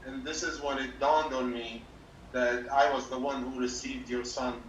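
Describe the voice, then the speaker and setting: A man, a doctor, speaking sincerely but haltingly on a video call, with many pauses and filler words. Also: mid-range voice, level tone. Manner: halting, full of uh's, formal and sincere. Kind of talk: thanking a guest on a video call. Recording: muffled, distant, echoey room with faint hum.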